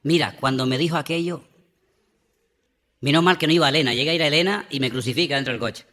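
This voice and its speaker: Animated pastor preaching. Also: male voice, fairly high pitch, quick pace. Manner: conversational and animated, with rhetorical questions to the congregation. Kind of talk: sermon.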